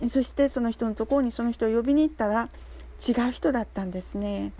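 Earnest, halting woman with a mellow voice. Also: fairly high pitch, a little hiss or hum. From Nagasaki, Japan. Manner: earnest, halting, searching for words. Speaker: speaker sharing a personal story. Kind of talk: prepared personal talk with frequent fillers.

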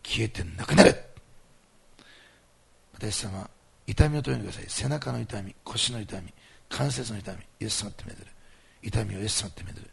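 Gravelly-voiced man leading fervent prayer. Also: on the low side, fast talker. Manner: fervent, commanding prayer declarations; earnest, coaxing address to listeners. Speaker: pastor. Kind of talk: sermon and healing prayer.

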